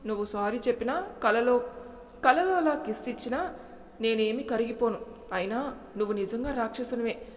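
A woman voicing a feisty sharp-tongued young wife. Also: a little high, big-room sound, natural voice. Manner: bold, scolding, mocking.

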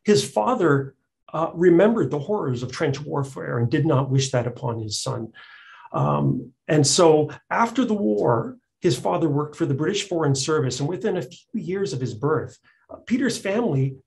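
A man's voice: on the high side, animated, moderate pace, gravelly, a little mellow. A man hosting a live onstage interview, talking conversationally with frequent fillers and restarts. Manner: conversational, hesitant, many fillers. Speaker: event host and interviewer.

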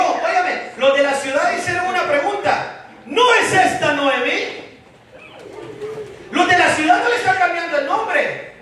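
High-pitched shouting preacher in echoey hall. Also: male voice, distant mic, slight background noise. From El Salvador. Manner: preaches with shouted calls and call-and-response. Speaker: pastor. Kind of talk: fiery Pentecostal sermon. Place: large church hall. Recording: echoey hall, mic from afar, congregation.

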